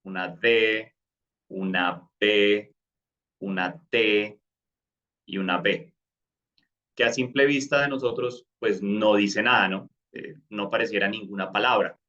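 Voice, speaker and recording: A man's voice: fairly low pitch, steady tone, slow, bright, forceful tone, dull audio. A man explaining a topic in a live online class, with frequent fillers and restarts. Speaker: crypto course instructor.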